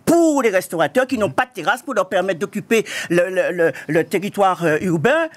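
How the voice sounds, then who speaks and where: A woman's voice: mid-range voice, lively intonation, brisk. A woman chef in her sixties arguing emphatically in a heated TV studio debate, repeating her points. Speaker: chef and guest. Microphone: lapel.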